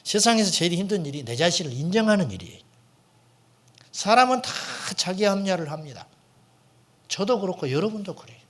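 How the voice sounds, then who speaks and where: A middle-aged man, a senior pastor, preaching a sermon in a church with dramatic storytelling that swings between loud and hushed. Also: high-pitched, animated, fairly quick, pauses often. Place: church sanctuary.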